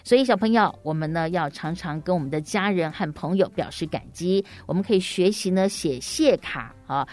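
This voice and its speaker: Lower-pitched woman telling a story to children. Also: darkish tone. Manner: teacherly, addressing little listeners, frequent drawn-out sentence particles. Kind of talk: explanatory storytelling to young children.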